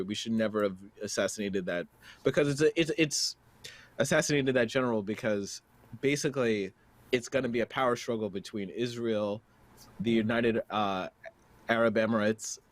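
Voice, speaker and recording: A low-pitched man talks politics on a casual podcast. He reads news items aloud and follows them with measured commentary. The sound is dry and close to the mic. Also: no room sound. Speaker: podcast co-host.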